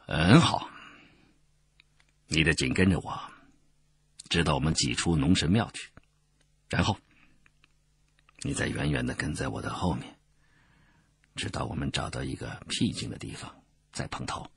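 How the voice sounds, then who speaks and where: A male narrator voicing a haughty, cruel Roman nobleman who speaks in a stern, low and measured way, in a storybook reading. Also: creaky, fairly bright tone, breathy edge, no echo, full character voice.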